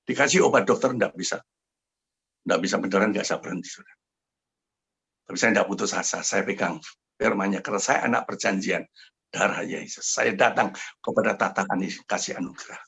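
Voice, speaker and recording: An older man preaching and telling his own story to a congregation on a video call, fervent and swinging from quiet to loud. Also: lowish voice, a little fast, vocal fry, long pauses, husky. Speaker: pastor. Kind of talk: sermon with testimony.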